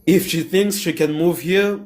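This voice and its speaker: Male, 30s, Congolese French accent, native French speaker. Slightly high voice, short halting English answers as a call-in guest. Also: darkish tone. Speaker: pastor, guest caller. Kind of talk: casual live interview. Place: live video call.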